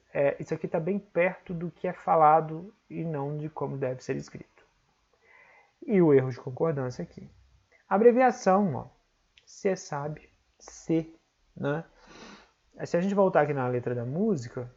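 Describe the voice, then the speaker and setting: Gravelly Brazilian man teaching a lesson. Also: fairly high pitch, expressive, normal speed, long pauses, a little mellow, lo-fi sound. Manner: explanatory, checks in with frequent tag questions. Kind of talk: online exam-prep lesson.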